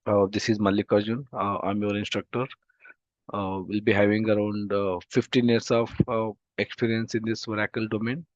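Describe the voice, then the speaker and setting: Over a video call, a man with an Indian English accent teaches a database demo class, his speech slow, halting, and full of "uh" because a throat infection has made his voice unclear. He speaks with a fairly low pitch and a flat delivery. His computer mic yields dull, dry audio with no room sound.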